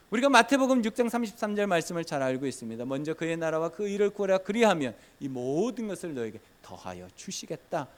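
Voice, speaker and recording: A male pastor delivers a Sunday sermon in a church sanctuary. He dramatically acts out scenes, with big swings in pitch.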